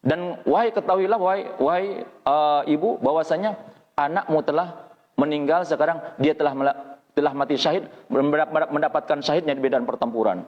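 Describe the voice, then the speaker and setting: Male preacher, fairly high voice, vivid storytelling with dialogue, long hall echo, dull lo-fi sound. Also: fairly quick. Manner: dramatic retelling with quoted dialogue, pitch rising and falling. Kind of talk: storytelling sermon.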